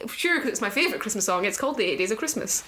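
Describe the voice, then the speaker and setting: A woman talks casually on a podcast in a medium-pitched voice. Her manner is teasing and conversational. A little noise sits behind the recording. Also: expressive, very fast, pushed and bright. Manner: teasing banter. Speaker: podcast guest or co-host. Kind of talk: casual chat.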